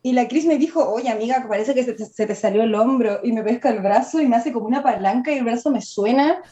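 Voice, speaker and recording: A Chilean woman, a nail artist and tattooist, telling funny anecdotes in casual chat, animated and laughing as she goes. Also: fairly high pitch, fast. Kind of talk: casual storytelling. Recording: muffled lo-fi audio.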